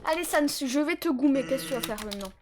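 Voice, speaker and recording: A woman streaming a game live on a headset, chatting with viewers in a joking, excitable way with sudden yelps. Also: high voice, fast, background noise. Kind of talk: casual live-stream chat while gaming.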